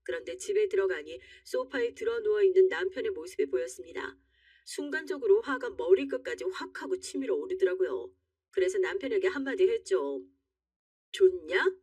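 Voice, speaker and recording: A woman's voice: medium pitch, lively intonation, fairly quick, warm tone, slightly rough, no echo, recorded from a distance. Woman narrating an indignant true story. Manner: indignant, confiding. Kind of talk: first-person story reading.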